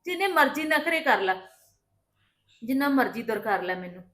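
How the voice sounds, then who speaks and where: A woman with a Punjabi accent playing a patient daughter-in-law who calmly reassures her sister-in-law. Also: on the high side, normal speed, reverberant. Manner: calm, reassuring, explaining at length. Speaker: daughter-in-law in a family drama. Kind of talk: scripted family drama acting.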